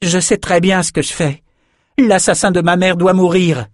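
A cold, unyielding young sorceress out for revenge, as a man reading an audiobook puts her on. She speaks high above his own voice, in a dry, close recording. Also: measured pace, no echo. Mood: determined. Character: young woman, vengeful sorceress.

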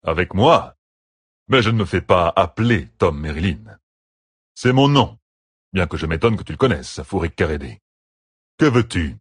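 A man's voice: deep voice, sing-song, breathy edge, dry recording, studio quality, heavily acted. Wary older man, read by a narrator. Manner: wary, measured. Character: older man with a stiff leg, guarded and wry. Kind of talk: audiobook character voice.

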